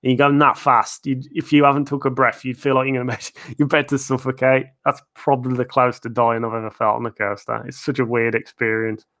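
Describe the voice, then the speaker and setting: A theme park video creator hosts a casual live-stream Q&A from his living room at home, rambling chattily with lots of fillers and chuckles. His medium-pitched, fairly bright voice is fast, with few pauses and little pitch movement. He's losing his voice, and it's getting worn.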